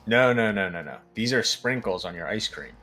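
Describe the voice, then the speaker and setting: A man's voice: on the low side, animated, brisk, sharp tone, faint music behind. A man from New Jersey in casual chat, hesitant with many fillers, laughing easily. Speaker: co-host.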